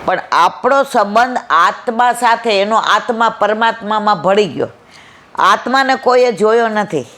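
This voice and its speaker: A woman speaks at a devotional gathering. She preaches through lively stories, throws out rhetorical questions and acts out the lines of the people in her tales. Her voice sits at a middle pitch. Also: measured pace. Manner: animated storytelling, rhetorical questions, acts out dialogue. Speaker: satsang speaker. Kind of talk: devotional sermon with storytelling.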